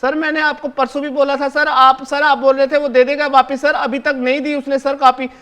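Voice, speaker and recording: A cheeky seventh grader, acted by a man in a solo stage show, speaks directly to the audience in a very high, boyish voice with little pitch movement and a moderate pace. The boy is bossy and tattling as well as chatty, constantly hushing and commanding his classmates. Toward the teacher he is fawning, repeating "sir" again and again.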